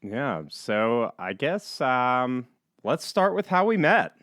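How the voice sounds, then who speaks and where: A man co-hosting a podcast, easygoing, often trailing off quietly at the ends of his sentences. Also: medium pitch, big pitch swings, slow pace, dry recording, clean studio sound. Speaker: podcast co-host. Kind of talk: casual conversational podcast.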